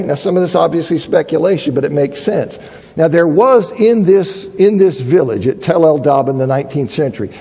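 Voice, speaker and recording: A Bible teacher giving a lecture, reasoning aloud and often restarting his sentences. His voice sits a bit high, husky and mellow. It rings with the long reverb of a large hall. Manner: thinking aloud, restarts, reads quotes aloud. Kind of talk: lecture on biblical archaeology.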